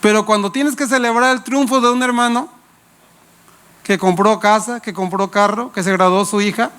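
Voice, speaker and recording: A man's voice: high voice, steady tone, moderate pace, fairly bright tone, clean tone. A male pastor, preaching a sermon with playful anecdotes and questions to the congregation. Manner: playful, laughs while telling anecdotes.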